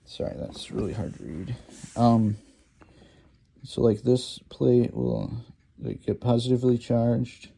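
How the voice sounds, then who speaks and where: Gravelly, hesitant man giving a lecture. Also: mid-range voice, unhurried, dark tone. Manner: hesitant, many ums and restarts. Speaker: lecture host. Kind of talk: rambling informal lecture while drawing.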